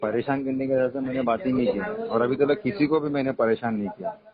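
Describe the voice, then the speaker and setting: A man on a phone call, calmly and insistently explaining himself at length. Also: medium pitch, rapid-fire, a loud crowd. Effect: heard over a phone line. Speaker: caller, former company employee. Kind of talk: casual phone conversation. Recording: muffled phone call recording.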